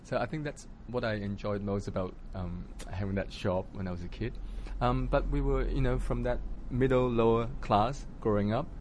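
A man's voice: medium pitch, fairly even intonation, normal speed, few pauses, a little mellow, a little hiss or hum. A man from Hong Kong talking about growing up, hesitant and full of restarts. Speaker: guest. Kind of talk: casual interview talk.

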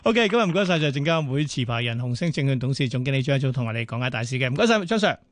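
Hong kong cantonese guy hosting money radio, talks fast, chatty, really dry studio sound. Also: medium pitch, very animated, no room sound. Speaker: radio host. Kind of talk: casual financial radio interview.

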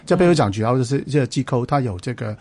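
Fast, husky man with a Cantonese accent. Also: medium pitch, expressive, a little mellow, no echo. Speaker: interview guest, fund committee chair. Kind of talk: explanatory interview talk.

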